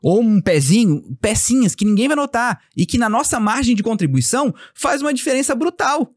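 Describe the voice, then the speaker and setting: A man being interviewed as a company founder, telling a casual story with animated delivery and acting out bits of dialogue. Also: very high voice, fairly quick, dry recording, studio quality. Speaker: podcast guest, company founder.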